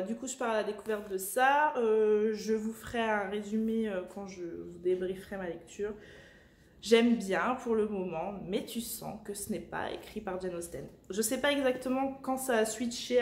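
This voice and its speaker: A woman book vlogger, talking casually at home with many filler pauses. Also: fairly high pitch, darkish tone. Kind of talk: casual vlog chat. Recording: echoey room.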